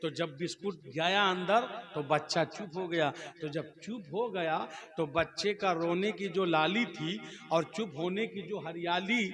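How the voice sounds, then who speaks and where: A man's voice: high voice, measured pace, a crowd in the background. A man from Kolkata preaching at a religious gathering, telling humorous stories and acting out the characters in them, building to emphatic climaxes. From Kolkata, India. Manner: animated storytelling, acts out characters, rising to emphatic climaxes. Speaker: Islamic preacher.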